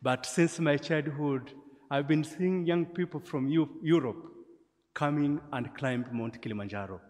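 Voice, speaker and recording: A man's voice: a little high, measured pace, darkish tone. A man in his forties with a Tanzanian accent, a priest leading Mass, his voice carrying a cathedral echo. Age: 40s. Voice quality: echoing cathedral sound. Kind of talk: leading Mass, greeting and prayers. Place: large stone church, before a congregation. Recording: long echoing church reverb.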